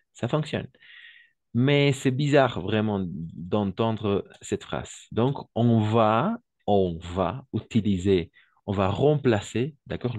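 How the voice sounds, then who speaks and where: A man's voice: on the low side, a little mellow, no room sound. A man teaching French to Spanish speakers, explaining patiently, switching into Spanish and checking in again and again. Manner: slow, patient explaining, constant "d'accord?" checks.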